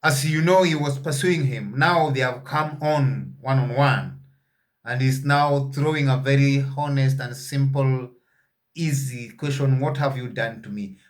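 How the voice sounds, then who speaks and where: A man reading Bible verses aloud and explaining them in a sermon, pausing often with fillers and putting questions to his listeners. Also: medium pitch. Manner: halting, with frequent "uh" fillers. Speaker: Bible teacher.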